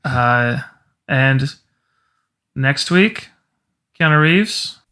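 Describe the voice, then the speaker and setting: Clear, bright-voiced podcast host. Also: male voice, medium pitch, expressive, extremely slow. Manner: easygoing, filler-heavy. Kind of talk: casual podcast sign-off.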